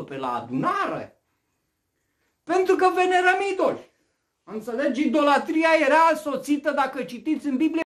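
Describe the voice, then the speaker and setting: Male preacher, high-pitched and very expressive, fiery sermon delivery. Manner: animated, rhetorical questions, swings from loud to hushed.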